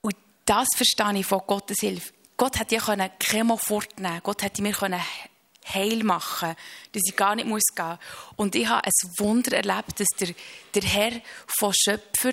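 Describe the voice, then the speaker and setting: A woman, speaking earnestly and reflectively about her faith as an interview guest, with halting restarts and slow emphasis on key phrases. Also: mid-range voice, vocal fry, a bit bright.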